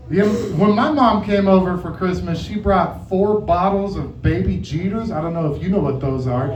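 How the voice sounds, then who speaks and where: A man with a high voice performs amateur stand-up at an open mic. He rambles casually through his stories with plenty of swearing and chuckles at his own material. The sound is muffled and echoey, picked up from a distance. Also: darkish tone. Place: open mic venue with echo.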